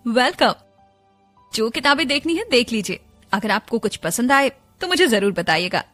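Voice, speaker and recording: A woman voicing a cheerful young male bookseller boy in an audio story, eager and pleading as he makes his sales pitch. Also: sing-song, normal speed, fairly bright tone, faint music behind.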